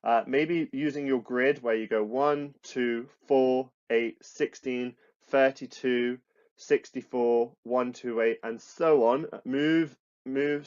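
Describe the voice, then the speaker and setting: A British computer science teacher gives a recorded classroom lesson with slides, his medium-pitched voice captured with lo-fi sound. He explains as he goes, repeating phrases, often restarting and using fillers.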